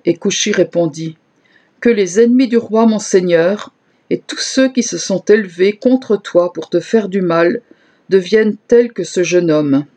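A reader giving a slow, measured scripture reading, lifting the voice a little for quoted speech. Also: mid-range voice, a little mellow.

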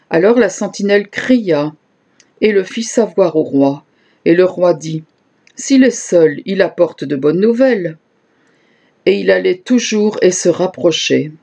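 A reader giving a slow, measured scripture reading, lifting the voice a little for quoted speech. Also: mid-range voice, darkish tone.

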